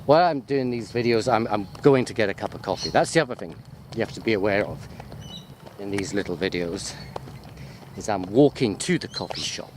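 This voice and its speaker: With a darkish, lowish voice, lively intonation and a slightly fast pace, a British university lecturer chats off the cuff as he walks through botanical gardens. He films on a handheld wide-angle sports camera, rambling, joking and wandering off topic. The recording carries outdoor ambient noise from the walk.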